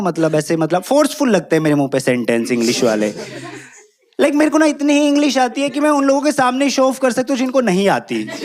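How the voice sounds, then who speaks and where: High-voiced young man doing stand-up. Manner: self-mocking Hindi storytelling mixed with clumsy English. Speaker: stand-up comedian. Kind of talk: stand-up comedy set. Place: comedy club stage with a laughing audience. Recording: live show with loud crowd laughter.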